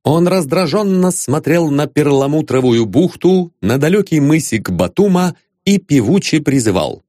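Expressive storyteller, animated and dry, reading satire aloud. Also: male voice, a little high, moderate pace, no room sound. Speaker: audiobook narrator. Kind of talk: scripted narration of a satirical novel.

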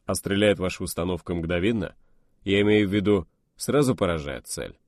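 A man voicing an older male fleet admiral who speaks quietly and evenly with dry humor. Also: low voice, moderate pace, no echo. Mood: calm.

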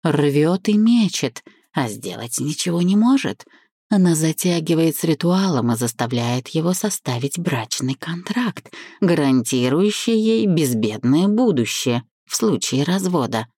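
A woman narrating a first-person novel as an audiobook, with an expressive, measured reading and a husky voice. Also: sits low, no room sound, studio quality.

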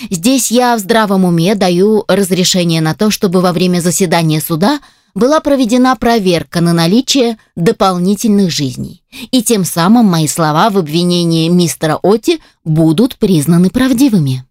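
A woman reading a first-person fantasy audiobook aloud in a firm, steady storytelling voice, recorded on a close studio mic. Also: lowish voice, moderate pace, dry recording. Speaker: audiobook reader.

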